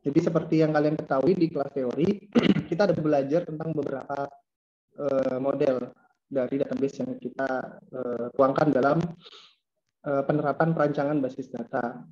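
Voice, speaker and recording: A man with a hoarse voice giving an online lab lecture, hesitating with many fillers and clearing his throat often. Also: medium pitch, fairly even intonation, normal speed, mellow. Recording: dull lo-fi online call audio.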